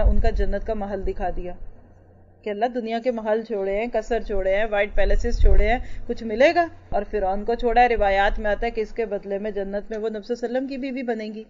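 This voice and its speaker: A woman's voice: mid-range voice, darkish tone, a little hiss or hum. A woman religious teacher giving an emphatic lecture and asking her listeners rhetorical questions. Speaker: Islamic teacher. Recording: dull lo-fi recording.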